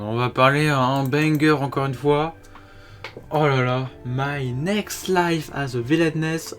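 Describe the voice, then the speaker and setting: A young man casually reviewing seasonal anime, slangy and full of fillers, sometimes swearing, reading plot summaries aloud. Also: mid-range voice. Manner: informal and slangy, many fillers, occasional swearing; reads synopses aloud in a flatter voice. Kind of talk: casual video commentary.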